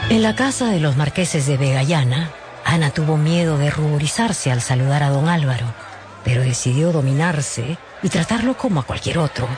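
With music clearly audible behind them, a radio novel narrator delivers the story in a dramatic way. The pitch sits in the middle, the pace is moderate, and the intonation is animated and wide-ranging.

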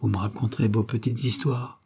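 A man's voice: lowish voice, fairly even intonation, fairly quick, creaky, dark tone, husky, heavily acted. A man voicing a poised, ironic young foreign woman who teases her suitor. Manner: mocking, poised, teasing.

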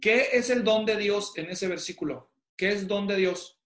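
Male Bible teacher, higher voice, explains step by step and quizzes the room; echoey hall. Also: unhurried, fairly bright tone. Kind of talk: Bible study lecture.

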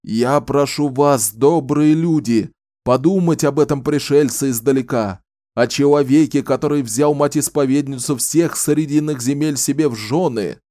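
A man's voice: mid-range voice, moderate pace, warm tone, no room sound, clean studio sound, voice pushed up, natural voice. An actor playing an impassioned male orator who harangues a crowd, pleading and declaiming. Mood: fervent.

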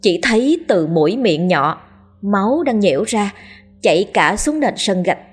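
A woman's voice: medium pitch, lively intonation, a little slow, husky, soft background music. A woman narrating a horror story in a dramatic storytelling manner.

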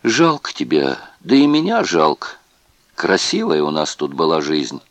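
A man's voice: very deep voice, wildly swooping pitch, unhurried, no echo, voice pushed down, heavily acted. A man voicing a cruel, tipsy male camp guard who taunts in a mock-friendly way. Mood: taunting.

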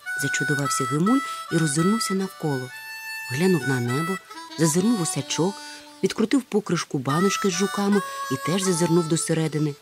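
A woman narrating a children's storybook in an even, measured reading. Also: low-pitched, music in the background. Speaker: audiobook narrator.

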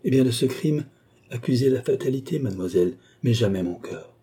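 A man's voice: mid-range voice, expressive, brisk, mellow, slightly rough, pitched above the performer's own voice. A man reading an audiobook, voicing a remorseful young man who pleads with earnest intensity. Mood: pleading. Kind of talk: audiobook character voice.

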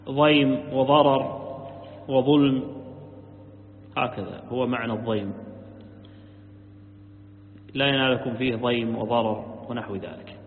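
A man teaching a religious lesson, repeating key words, asking rhetorical questions, and correcting himself as he explains. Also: medium pitch. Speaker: sheikh teaching a creed text. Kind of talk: religious lecture. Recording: echoey hall, tinny lo-fi line, faint hiss.

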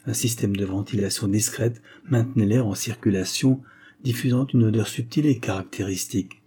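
Male audiobook narrator, dark mellow tone, husky, steady. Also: on the low side, a little fast. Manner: steady storytelling. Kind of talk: scripted narration.

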